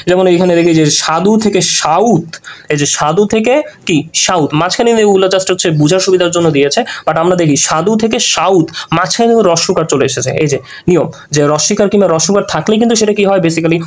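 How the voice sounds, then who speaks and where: A man's voice: sits high, racing, few pauses. A man teaching an exam-prep grammar lesson, explaining through repeated examples and frequent check-ins.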